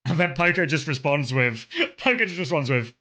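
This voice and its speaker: A man's voice: a little high, moderate pace, bright, forceful tone. A man from Kent with a mild southern English accent, chatting casually and telling rambling anecdotes as a streamer talking to viewers. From Kent, south-east England. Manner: rambling, conversational.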